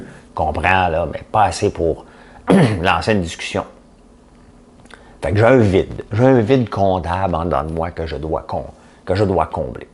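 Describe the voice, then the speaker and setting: Deep-voiced joking Québécois man. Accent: Québécois French. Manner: folksy, joking, rambling asides with "hein?". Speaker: commentary podcast host. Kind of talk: casual morning commentary.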